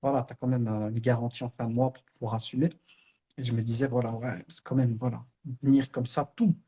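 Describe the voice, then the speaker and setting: Middle-aged male teacher; fast, husky, earnest spiritual reminder. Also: medium pitch, flat delivery, mellow. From Belgium, Brussels. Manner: earnest, conversational storytelling with many fillers. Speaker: online Islamic teacher.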